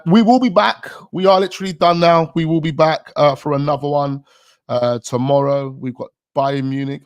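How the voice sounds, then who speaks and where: A man hosting a live stream, chatting in loose slang and breaking into laughter. His pitch sits in the middle, neither deep nor high, and his delivery stays playful and offhand. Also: vocal fry. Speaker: host of a fan channel stream. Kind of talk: casual live-stream chat.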